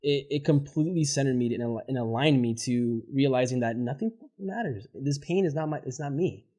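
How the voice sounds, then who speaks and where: A man's voice: medium pitch, a little fast, mellow. A man speaking as a podcast guest, giving motivational advice in a fervent, casual way and swearing freely. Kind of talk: motivational interview talk.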